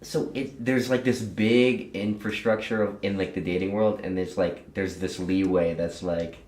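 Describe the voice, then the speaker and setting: Young male podcast host, very deep, blunt and profane, in a roomy echoing space. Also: steady tone, normal speed, a little mellow. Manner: blunt, loose, swears casually. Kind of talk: casual chat.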